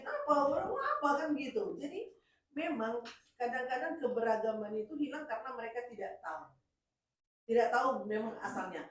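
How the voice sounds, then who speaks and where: Animated middle-aged woman in echoey room. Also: recorded from a distance. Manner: animated storytelling, jumps in pitch and loudness. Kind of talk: casual speech at a group session.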